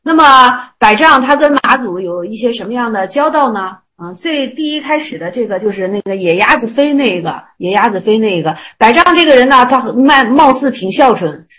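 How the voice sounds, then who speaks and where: A woman's voice: a little high, expressive, moderate pace, few pauses, a bit bright. A woman telling a story casually, often repeating phrases and restarting.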